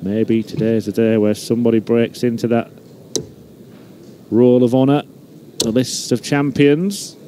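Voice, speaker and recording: A man delivers live darts commentary in a mid-pitched, mellow voice. There is faint noise behind him as he follows the play. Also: fairly even intonation, a little slow, long pauses.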